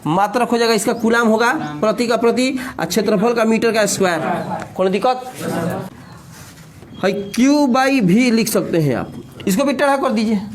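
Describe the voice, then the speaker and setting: High-voiced joking teacher in a noisy classroom. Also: male voice, normal speed, a crowd in the background. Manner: jokey, teasing students, mixing dialect asides into explanation. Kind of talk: classroom physics lesson with joking asides.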